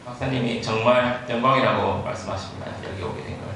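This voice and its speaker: A man interpreting consecutively at a medical lecture, speaking haltingly, restarting phrases and dropping English terms into his sentences. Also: medium pitch, steady tone, a bit bright. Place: large echoing room at a talk. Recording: very echoey room, distant mic, faint noise.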